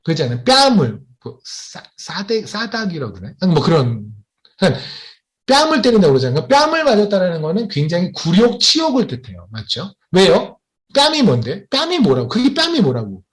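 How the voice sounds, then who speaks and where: A man preaching a sermon as a missionary, who keeps asking his congregation questions and slows down to stress key points. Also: high-pitched. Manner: animated, asks the congregation questions often.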